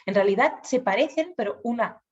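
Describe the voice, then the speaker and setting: A woman's voice: on the high side, lively intonation, a little fast. Woman speech therapist, patient teacher, sounds it out, slightly muffled audio. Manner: patient, demonstrates sounds aloud. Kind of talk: explanatory talk to parents.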